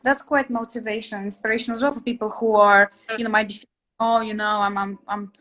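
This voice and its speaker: A woman's voice: medium pitch, little pitch movement, quick pace, bright, forceful tone. Young woman from Latvia chatting on a video call. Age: 20s. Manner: chatty, hesitant, many fillers and restarts. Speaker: host, interior sketching teacher. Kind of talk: casual video-call chat. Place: small room at home, indoors. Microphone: laptop webcam on a video call.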